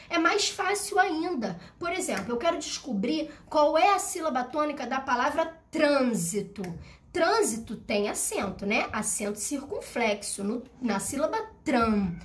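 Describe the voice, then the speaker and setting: A woman teaching a primary school video lesson, her high voice swinging widely up and down. She explains patiently and step by step, checking in with her young pupils often. She sings out example words to show the stressed syllable.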